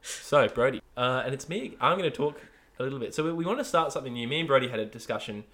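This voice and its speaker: A young Australian man hosting a podcast, loud and lively, with a bright, forceful voice. He rattles along quickly and laughs easily between thoughts. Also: mid-range voice. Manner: loud, energetic, laughs often. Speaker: podcast host. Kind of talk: casual podcast chat.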